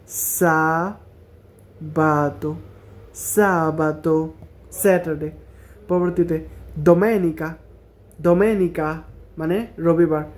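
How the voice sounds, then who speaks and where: Slow, mellow-voiced man teaching Italian words. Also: fairly high pitch. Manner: repeats each word slowly, syllable by syllable. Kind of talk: language lesson.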